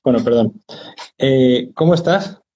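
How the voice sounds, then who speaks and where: A man hosting a casual live video chat, relaxed and talkative, with some mild swearing. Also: mid-range voice, unhurried, muffled recording. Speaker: host.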